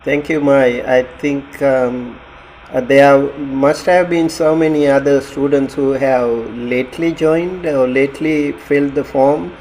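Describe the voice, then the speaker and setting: A man talks slowly and haltingly over a video call, pausing often on fillers as he teaches an online class. His pitch sits in an ordinary middle range. A faint hum of background noise sits under his voice. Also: steady tone, darkish tone, rough recording. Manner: slow, hesitant with many fillers, laughs often. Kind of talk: casual online class talk.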